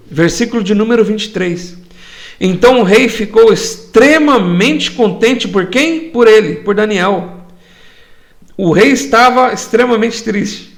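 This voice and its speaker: A man's voice: sits high, unhurried, gravelly. A man teaching a church Bible study, explaining words through rhetorical questions.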